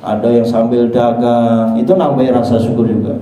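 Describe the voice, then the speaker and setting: A man's voice: medium pitch, flat delivery, normal speed, dark tone, heavy reverb, far from the mic, rough recording. An older man with an East Javanese accent giving a joking dawn religious talk in a prayer room. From East Java. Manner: joking, teasing the congregation. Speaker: preacher.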